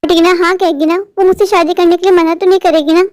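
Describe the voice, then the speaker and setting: A woman's voice: extremely high pitch, steady tone, fast talker, dry recording. Rahul, a woman voicing a lovestruck young crow. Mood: excited. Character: lovestruck young male crow, eager and anxious. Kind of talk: cartoon voice acting.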